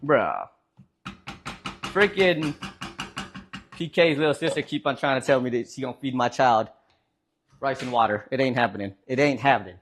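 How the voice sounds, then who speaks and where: A man's voice: medium pitch, normal speed, pauses often, fairly bright tone, a little hiss or hum. A young man streaming live, chatting casually with viewers in a joking, rambling way with lots of fillers.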